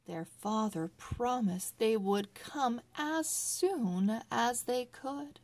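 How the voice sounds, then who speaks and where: A woman storyteller with a slightly high voice reads a children's story aloud. She goes deliberately, word by word, in a read-along style meant for early readers.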